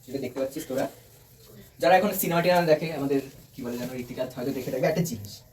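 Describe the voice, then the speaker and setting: Talking fast in a mid-range, slightly dark voice, a student presenter chats his way through a casual presentation for a few friends, tossing in jokes and questions. It's recorded from a distance in an indoor room with light room noise.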